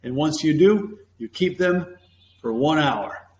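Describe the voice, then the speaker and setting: A male teacher and presentation coach gives an emphatic, opinionated lesson to camera from a classroom, now and then acting out classroom phrases in a bright higher voice. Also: expressive, slow pace. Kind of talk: instructional talk to camera. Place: classroom with a whiteboard. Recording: echoey room with faint hum.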